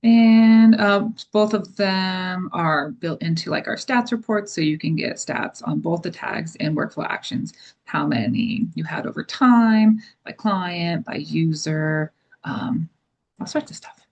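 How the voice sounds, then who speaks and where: A woman presenting software in a webinar, explaining features casually with many fillers. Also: lowish voice, a little slow. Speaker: product presenter. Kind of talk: webinar demo and Q&A.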